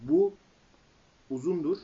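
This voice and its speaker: A man reading aloud and translating haltingly, word by word, as a language student, recorded on an old worn cassette. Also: mellow. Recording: muffled old cassette tape.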